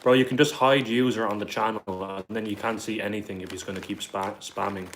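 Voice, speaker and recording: Dublin guy on a livestream, lowish voice, reads chat out loud, says bro a lot. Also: steady tone, fairly quick, a little hiss or hum. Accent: Dublin Irish. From Ireland. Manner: reads viewer questions aloud and answers them, with frequent "like" and "bro". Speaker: livestream host.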